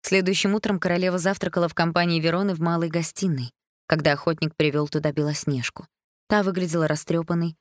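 A woman calmly narrating a fairy tale audiobook. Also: fairly low pitch, dry recording, studio quality. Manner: calm, measured reading.

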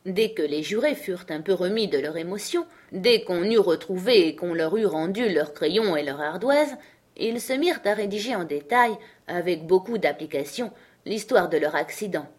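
A woman reading a classic storybook aloud in a calm, measured way. Her voice sits on the lower side for a woman, even and unhurried. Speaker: audiobook narrator. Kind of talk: storybook narration.

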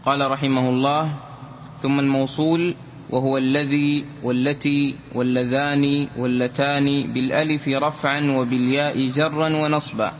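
Man reciting a text in a steady chant. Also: medium pitch, normal speed, highs cut off, slight background noise.

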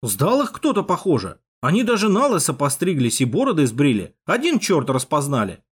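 A man's voice: on the high side, wildly swooping pitch, normal speed, husky, voice pushed up, heavily acted. A man voicing a flustered young male messenger who speaks breathlessly and urgently. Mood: alarmed. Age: young adult.

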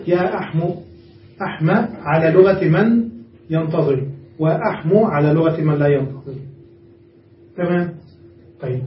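A man teaching a grammar lesson to students, explaining patiently and often checking whether they have understood. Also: sits high. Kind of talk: classroom lesson. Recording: far-off echoey muffled room recording.

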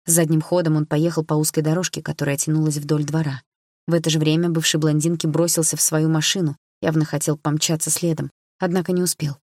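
A woman narrating a novel in the first person, calm and even, close to the mic. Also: deep voice, fast, no echo. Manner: calm, even storytelling with inner thoughts. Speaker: audiobook narrator.

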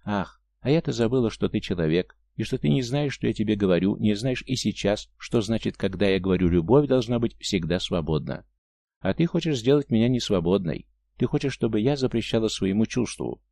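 A man's voice: on the low side, lively intonation, fairly quick, vocal fry, warm tone, no echo. A man voicing a tender, proud, free-spirited Martian woman in an audiobook, speaking earnestly. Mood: pleading.

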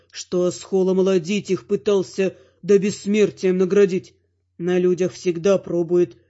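A man reading an audiobook, voicing a captive male dwarf who speaks calmly and plainly. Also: high-pitched, muffled recording, lightly acted. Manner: calm, plain-spoken. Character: gruff captive male dwarf, calm and matter-of-fact.

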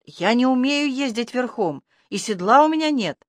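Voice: medium pitch, lively intonation, normal speed, dry recording, voice pushed up, close to an everyday voice. An audiobook narrator voicing a wary, prickly young village girl who speaks indignantly. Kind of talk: audiobook character voice.

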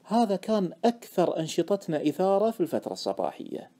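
A man narrating an audiobook in the first person with expressive storytelling. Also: high-pitched, quick pace.

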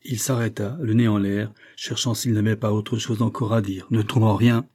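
Low, husky male audiobook reader. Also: little pitch movement, normal speed, a little mellow. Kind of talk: reading a classic novel aloud.

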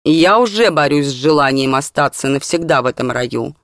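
An audiobook reader voicing an earnest, serious young male teacher in calm, measured speech. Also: medium pitch, no room sound, clean studio sound.

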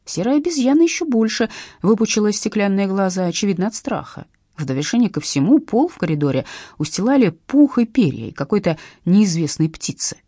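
Woman, audiobook narrator, wry lively storytelling, husky, dry close recording. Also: medium pitch, brisk, dry recording. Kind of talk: expressive audiobook reading.

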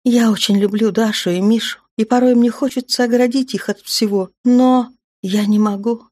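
A woman's voice: fairly high pitch, fairly even intonation, normal speed, dark tone, pitched above the performer's own voice, close to an everyday voice. A woman reading a spirited woman commander. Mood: lively. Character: grown woman commander, spirited and caring mother. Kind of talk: audiobook character voice.

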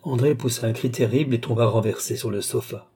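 Male audiobook narrator, mellow and husky, measured classic-novel reading. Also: medium pitch.

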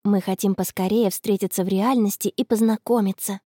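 A woman voicing a dreamy, stubborn teenage schoolgirl in love, in a storybook, soft and a little touchy. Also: mid-range voice, fairly even intonation, a little fast, slightly rough, no room sound, clean studio sound, natural voice.

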